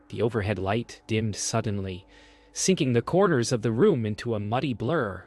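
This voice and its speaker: A man reads a scripted first-person horror story as narrator, with measured, deliberate phrasing. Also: on the low side.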